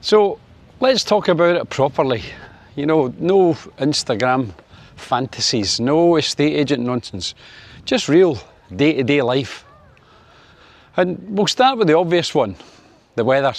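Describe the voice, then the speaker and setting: A Scottish man in his sixties chats to camera in a casual opinion vlog, his voice expressive and a little slow. He's wry and uses lots of fillers, lifting his pitch when he mentions sunny Spain.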